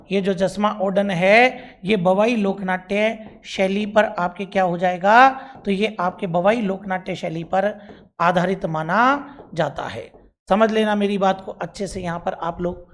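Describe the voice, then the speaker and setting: Man, Rajasthani accent, exam-prep teacher, repeats points, quizzes himself aloud. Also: high-pitched. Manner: repeats key points, asks and answers own questions; addresses viewers as bhaiya and bhai sahab.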